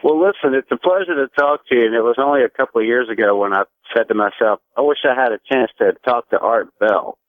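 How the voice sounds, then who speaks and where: Calling in to a radio show by telephone, an American man in his forties earnestly shares a personal story in conversational fashion. He talks quickly at medium pitch with few pauses, no room sound, and a tinny, narrow phone-line quality on air.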